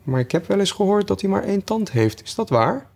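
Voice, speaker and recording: A man's voice: sits high, big pitch swings, a little fast, gravelly, a little mellow, pitched above the performer's own voice, heavily acted. A man voicing a curious, polite young girl in an audiobook, earnest and a little prim. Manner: earnest, slightly prim, eager. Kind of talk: audiobook character voice.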